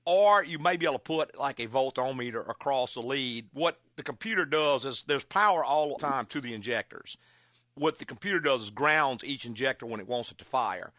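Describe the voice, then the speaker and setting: A man's voice: medium pitch, lively intonation, a little fast, sharp tone, no echo, studio quality. A man hosting a car call-in radio show, giving folksy, courteous mechanical advice in a conversational way.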